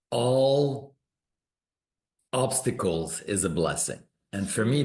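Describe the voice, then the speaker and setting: A middle-aged man, a business founder who grew up in Canada, tells his story reflectively as an interview guest, with some hesitations. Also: low-pitched. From born in Morocco, raised in Canada. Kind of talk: conversational interview.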